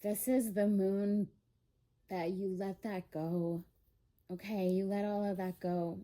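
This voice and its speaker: A woman talks through a spiritual reading at an unhurried pace, her tone warm and mellow. She rambles with frequent fillers and grows openly emotional as she speaks. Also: mid-range voice, little pitch movement. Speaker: tarot reader.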